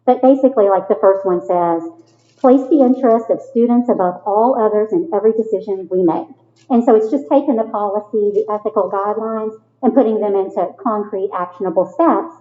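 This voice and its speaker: A woman's voice: medium pitch, a little fast. A woman with a Kentucky accent, a school board member, speaking earnestly with frequent fillers in a meeting. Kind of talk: formal meeting discussion. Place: meeting room. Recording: echoey hall over a thin phone-like line.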